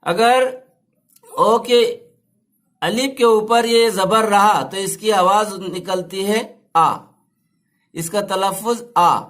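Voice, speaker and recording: Slow, high-pitched male teacher. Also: a bit bright. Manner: drawn-out sounds, repeats each word to students. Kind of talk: slow step-by-step language lesson.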